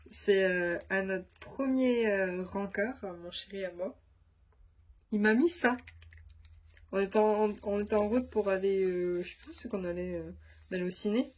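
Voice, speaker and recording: A woman's voice: mid-range voice, a little slow, pauses often, a little mellow, husky. A woman vlogger chatting casually to camera, her voice nasal from a stuffy nose, rambling with many fillers. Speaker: crafts vlogger.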